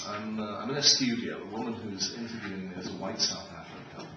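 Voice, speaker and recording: Speaking fairly quickly with a fairly low pitch, an Israeli keynote speaker in middle age tells funny stories in a wry, joking style. Captured from afar in a big, echoey hall with an audience, the audio is noisy and dull.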